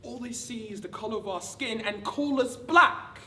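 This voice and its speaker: A woman giving a rehearsed dramatic reading of wartime letters, measured, with deliberate pauses. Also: on the high side, sharp tone. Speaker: actor reading a monologue. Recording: distant, echoey room with background noise.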